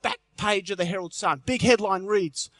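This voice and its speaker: High, bright-voiced Australian man joking on stage. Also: normal speed, no room sound. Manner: jokey storytelling, punchy delivery. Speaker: motivational health speaker. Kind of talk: live conference speech. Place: large convention hall stage.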